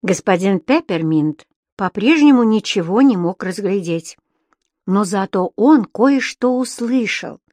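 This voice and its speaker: Expressive woman reading a children's story. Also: mid-range voice, measured pace, dry recording, clean studio sound. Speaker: audiobook narrator. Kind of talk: scripted storybook narration.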